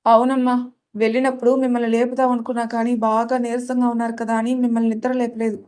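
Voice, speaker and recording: A woman's voice: fairly high pitch, little pitch movement, fast, darkish tone, lightly acted. Woman narrator doing chatty caring maid, audio storybook, coaxing delivery. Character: older housemaid, caring and chatty.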